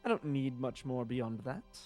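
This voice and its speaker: A man's voice: mid-range voice, expressive, unhurried, warm tone, faint music behind, close to an everyday voice. A man voicing a cocky, battle-worn adventurer in a tabletop game, blunt and boastful.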